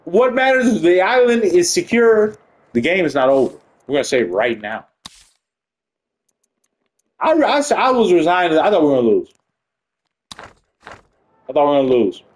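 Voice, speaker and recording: A man giving excitable, profane live commentary while playing a video game. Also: fairly high pitch, moderate pace, long pauses, low-quality recording. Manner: excitable, profane, swings between panic and triumph. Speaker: gaming channel host. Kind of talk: live let's-play commentary.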